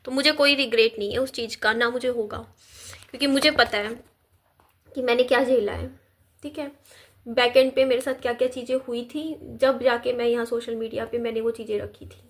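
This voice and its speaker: A woman in her thirties, feeling unwell, talking slowly and quietly to her viewers in a personal vlog, recorded on a phone. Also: on the high side, fairly even intonation. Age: 30s. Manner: slow, subdued, tired delivery. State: unwell and weak. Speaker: vlogger. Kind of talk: personal talk to camera.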